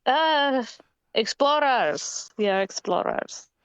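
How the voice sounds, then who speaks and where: A woman's voice: high voice, lively intonation, slow pace, clean tone, dry recording. A woman chatting casually and hesitantly as a player in a tabletop role-playing game, on slightly dull audio.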